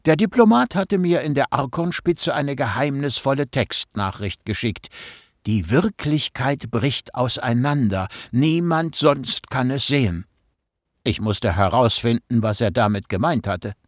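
A man narrating an audiobook in a measured storytelling manner, close to the mic. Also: mid-range voice, dry recording. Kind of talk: scripted narration.

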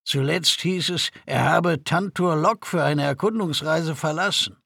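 A seasoned veteran soldier explains in a steady, measured voice, as a man reading the story puts him on. The tone is husky and gravelly, and the audiobook sound is dry. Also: on the high side, dry recording, voice pushed up, heavily acted. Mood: explaining. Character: calm, experienced male veteran soldier.

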